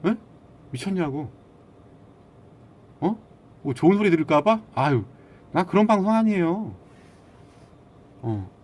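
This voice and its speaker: Blunt, lively man lecturing his stream chat. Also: sits high, a little slow, long pauses. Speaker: live streamer. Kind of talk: casual live-stream chat with viewers.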